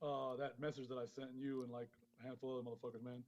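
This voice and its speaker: Fast-talking stoned man on a lo-fi call. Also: medium pitch, flat delivery, darkish tone. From born in Honduras, grew up in Queens, New York. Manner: rambling, heavy swearing, frequent laughs. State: high. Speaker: guest caller, clothing brand founder. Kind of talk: casual podcast chat. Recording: dull lo-fi phone call.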